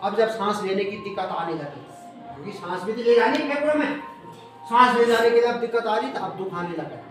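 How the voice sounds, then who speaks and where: A man's voice: high-pitched, expressive, fairly quick, fairly bright tone, distant mic, soft background music. A male schoolteacher explaining a poem to a class, asking questions and letting pupils finish his sentences. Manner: call-and-response questioning of pupils. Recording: echoey classroom, recorded from afar, children around. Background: pupils murmuring.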